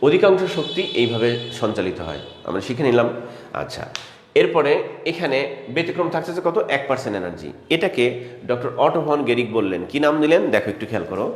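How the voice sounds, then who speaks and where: A man teaching an exam-prep class talks fast, with animated pitch, addressing students by name and repeating important terms. He poses questions and answers them himself. A faint hum of ambience sits beneath his voice, which echoes around a spacious hall.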